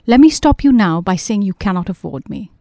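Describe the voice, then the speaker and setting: Woman voicing weary young man, dry calm delivery, mellow dark tone, dry booth sound. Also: sits high, a little fast, gravelly, no echo. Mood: wry.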